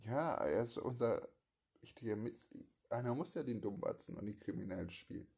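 A man telling a home-made crime audio drama and voicing all its parts, speaking slowly and haltingly with abrupt loud outbursts. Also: lowish voice, lively intonation, vocal fry, husky.

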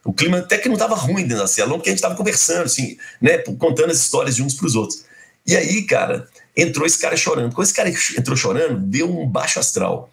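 This guest, a middle-aged man from Belo Horizonte, has a fairly high, creaky voice and talks quickly. He animatedly relates a personal story in conversation, voicing the quoted dialogue himself.

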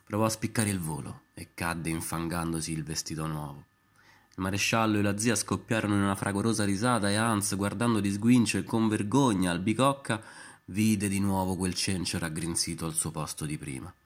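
A man narrating an irreverent storybook serial in a wry, deadpan manner. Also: low voice, a little fast.

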